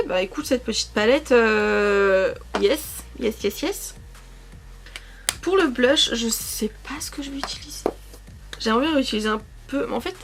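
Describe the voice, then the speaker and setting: Chatty young woman, slightly high voice. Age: 20s. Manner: chatty, rambling, self-correcting with many fillers. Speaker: beauty vlogger. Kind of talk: casual makeup chat. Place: sitting on her couch at home.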